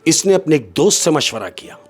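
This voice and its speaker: A man telling a comic story as a podcast guest, in an expressive way and often turning to the host. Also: a little high, brisk, slightly rough, soft background music.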